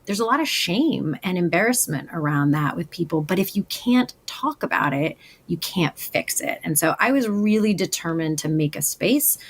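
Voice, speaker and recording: A woman, a business coach, answering as a guest in an interview, telling personal stories in a reflective, earnest way. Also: lowish voice. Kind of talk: conversational interview storytelling.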